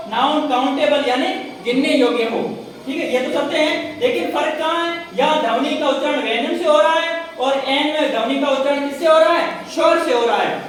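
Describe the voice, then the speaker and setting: High-voiced woman teaching in an echoey room. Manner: asks questions and answers them herself, repeats words slowly. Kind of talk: grammar lesson with call-and-response questions. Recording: echoey room, distant mic, faint background.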